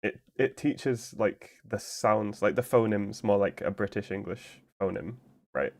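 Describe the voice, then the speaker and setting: A man's voice: on the low side, unhurried, vocal fry, a little mellow. A man streaming a game, chatting casually and explaining at length in a rambling way, full of "like" and restarts. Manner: rambling, explanatory, heavy use of "like". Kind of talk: casual chat while playing a game.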